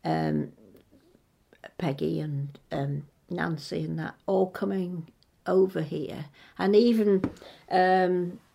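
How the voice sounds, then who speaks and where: A woman's voice: on the low side, steady tone, takes it slowly, gravelly, mellow, breathy edge. An older woman from England reminiscing in casual conversation, hesitant and rambling as she circles back to rephrase. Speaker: interviewee recalling local history.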